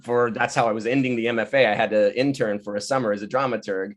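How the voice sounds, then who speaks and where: On an online video call, a playwright and director leading a virtual table read tells casual anecdotes, laughing often and acting out the people he quotes. His voice is medium-pitched and fast, animated throughout, picked up by a video call microphone.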